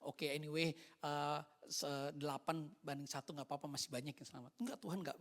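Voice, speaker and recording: Animated pastor in his fifties. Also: fairly high pitch, fairly quick. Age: 50s. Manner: animated storytelling, drops English words into his talk. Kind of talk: sermon with personal testimony. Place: church service.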